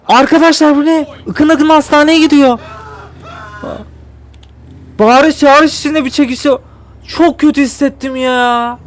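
Guy streaming a game, really high voice, keeps begging and saying sorry to the character. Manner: talks to the game character, pleading and apologetic. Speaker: gameplay streamer. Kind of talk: casual gameplay commentary.

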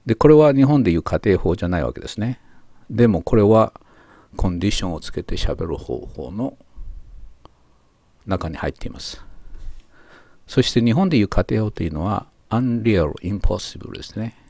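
A man teaching English grammar, reading model sentences slowly and carefully with pauses. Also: on the low side, lively intonation, gravelly, dark tone, no echo. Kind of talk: explaining grammar to learners.

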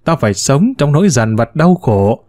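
A man's voice: medium pitch, big pitch swings, normal speed, dark tone, no echo, studio quality, close to an everyday voice. A man voicing an older widowed mother who scolds her grown sons with venom, in a storybook reading. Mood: bitter. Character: sharp-tongued older widow, furious mother.

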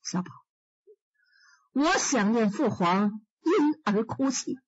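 A woman voicing a young emperor in a storytelling performance, speaking slowly in a measured, restrained way. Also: fairly high pitch, lively intonation, breathy edge, no room sound, highs cut off, pitched below the performer's own voice, full character voice. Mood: grieving. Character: young emperor, grieving and dignified.

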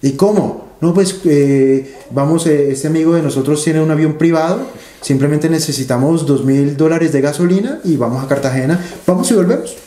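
A man speaks as a guest in an interview, an animated storyteller who hammers his points home by repeating phrases. His voice sits a little high but sounds dark and mellow, and an echoey room rings around him. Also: normal speed.

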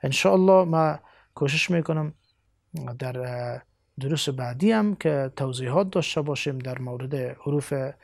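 A man with an Afghan Dari accent giving a televised Quran lesson, spelling letters out slowly and pausing often. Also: medium pitch, gravelly, a little mellow, no room sound, studio quality. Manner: deliberate, spells out letters slowly, many hesitations. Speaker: Quran teacher.

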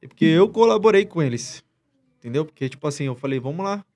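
A man's voice: fairly high pitch, expressive, quick pace, darkish tone. A man as a podcast guest, retelling a story in a rambling, slangy way with many restarts. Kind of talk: casual storytelling chat.

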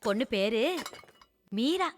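Scolding older mum, high lively voice, music under it. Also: female voice, slow pace, noisy background. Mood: nagging. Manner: scolding, complaining. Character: nagging older mother pushing son to marry. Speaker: hero's mother. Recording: loud film music behind.

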